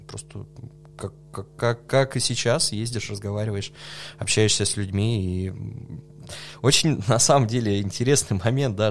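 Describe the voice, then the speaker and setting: A coffee judge appears as a podcast guest in a relaxed conversational interview, speaking in a low, gravelly voice. He sounds thoughtful and hesitant, using many fillers and laughing softly.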